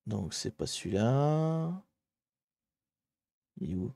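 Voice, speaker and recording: A man streaming live, chatting with his viewers as he hunts through online maps and grumbles at the software. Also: medium pitch, very animated, slow, gravelly, no echo. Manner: chatty, talks to chat while searching maps, mildly exasperated. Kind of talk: live-streamed geography puzzle commentary.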